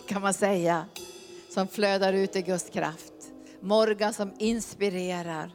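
A woman leads charismatic prayer in a fervent, repetitive way, sometimes speaking in tongues. Her voice sits at a middle pitch. Soft instrumental music plays faintly behind her. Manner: fervent, repeats phrases, slips into speaking in tongues. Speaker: prayer leader.

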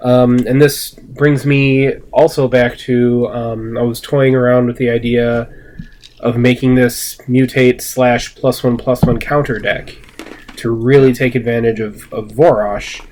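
A man chatting casually about his own card game deck, quick and hesitant with restarts. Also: mid-range voice, little pitch movement, darkish tone, slight background noise. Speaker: deck owner and podcast co-host.

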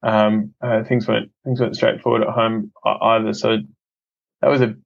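A fairly low-pitched Australian voice with vocal fry and little pitch movement belongs to a film company head from Adelaide, guesting earnestly on a podcast. He talks at normal speed in casual interview style, often repeating words as he restarts, with no room sound and a muffled recording.

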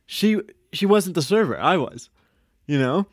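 Speaking at a measured pace in a slightly high voice, a man co-hosting a podcast tells a casual, animated story, cursing freely and performing other people's lines. The recording is dry.

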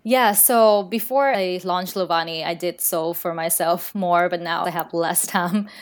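A relaxed woman from Thailand with a low voice speaks at a measured pace as a podcast guest. She is a fashion brand founder in a casual interview conversation, sounding thoughtful and using fillers like "you know" and "like."

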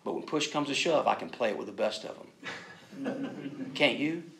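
Animated forty-something preacher with a gravelly voice. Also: male voice, medium pitch, unhurried, crowd noise, low-quality recording. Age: 40s. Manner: animated, self-mocking storytelling with bursts of loud emphasis. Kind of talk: sermon.

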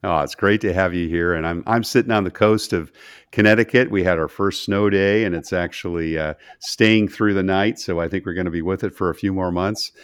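Deep-voiced male podcast host. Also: brisk, smooth, dry recording, studio quality. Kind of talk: scripted intro and interview chat.

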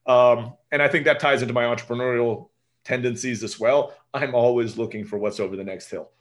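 A man in his forties, a native Turkish speaker raised in Turkey who now has an American accent, tells stories as a guest in a casual interview. His medium-pitched voice is steady and a little fast. He rambles and keeps tagging sentences with "right?"

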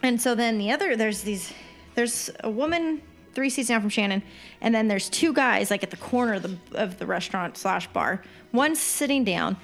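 A woman's voice: fairly high pitch, normal speed, soft background music. A woman co-hosting a podcast, telling a story in casual chat and acting out the people in it. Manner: animated storyteller who acts out quoted people. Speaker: podcast co-host.

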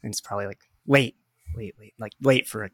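A man's voice: on the low side, a little fast, a bit bright. A man co-hosting a podcast, telling anecdotes in a casual, conversational way. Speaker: podcast co-host.

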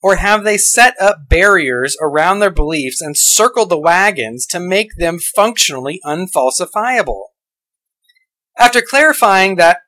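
A man's voice: fairly high pitch, sharp tone, rough recording. A man hosting a podcast, delivering a scripted rebuttal in a sarcastic, argumentative way, with many pointed rhetorical questions. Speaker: podcast host and blogger.

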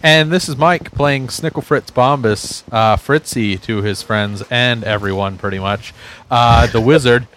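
A man giving a casual, unscripted recap on a tabletop game podcast, halting as he searches for words. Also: mid-range voice, fairly bright tone, a little hiss or hum, low-quality recording.

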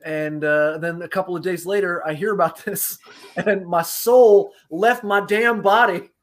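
A man's voice: sits high, fairly even intonation, measured pace. A man hosting a podcast in casual chat, candid and laughing, swearing now and then.

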